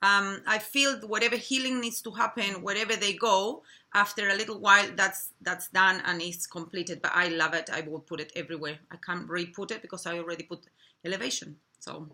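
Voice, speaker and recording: A woman with a Chilean Spanish accent talks casually and haltingly, stumbling now and then over words. Her voice is bright and clear. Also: mid-range voice, steady tone. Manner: warm, halting, with small slips and restarts. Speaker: co-host. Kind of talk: casual product chat.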